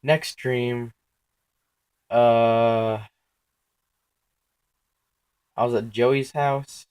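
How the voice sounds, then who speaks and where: A young man casually recounts his dreams in a halting, rambling way, packed with filler words, self-corrections and casual swearing. His voice is smooth and medium-pitched, with fairly even intonation and a darkish tone.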